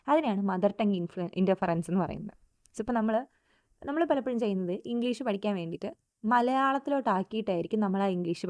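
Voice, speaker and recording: A woman teacher with a Malayali accent giving a lecture in Malayalam and English. She slows down to read out English definitions. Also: medium pitch, darkish tone, dry recording, clean studio sound.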